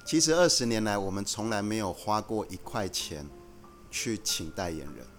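A man who is a guest executive on a podcast, explaining his company's approach in a measured, earnest way. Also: fairly low pitch, very animated, faint music behind. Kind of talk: casual podcast conversation.

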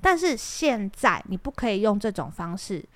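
A woman's voice: mid-range voice, big pitch swings, moderate pace, no echo. A woman with a Taiwanese Mandarin accent, a mother and podcast co-host, telling a story in casual chat and laughing often.

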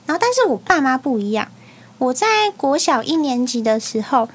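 A woman's voice: high-pitched, very animated, brisk, breathy edge. A young woman with a Taiwanese Mandarin accent, co-hosting a podcast and telling stories frankly in casual chat. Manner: frank, storytelling. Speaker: podcast co-host.

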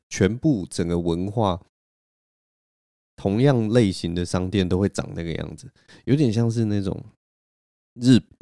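Mellow low-voiced man rambling casually. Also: no room sound, clean studio sound. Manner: rambling, self-mocking, chuckles often. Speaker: podcast host. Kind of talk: casual solo storytelling.

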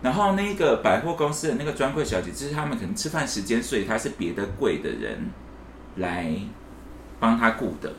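Speaking at a brisk clip with a sing-song lilt and medium pitch, this podcast co-host recounts a story in a relaxed chat, performing the quoted dialogue. There's faint hiss and an echoey room sound.

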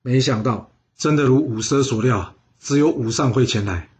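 A man telling a history story in a lively way, putting on voices for the characters and asking his listeners questions. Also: medium pitch, normal speed. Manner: asks listeners rhetorical questions.

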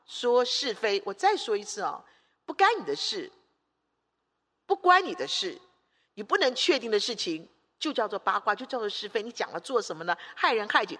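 A woman's voice: mid-range voice, sharp tone, in a large hall. A woman preacher delivering an emphatic sermon, driving her points home with long runs of repeated rhetorical phrases.

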